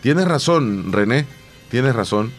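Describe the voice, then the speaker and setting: A man's voice: medium pitch, expressive, slow, soft background music. A man from El Salvador, co-hosting a casual chat show, rambling and repeating his words. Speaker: podcast co-host. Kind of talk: casual radio-style chat.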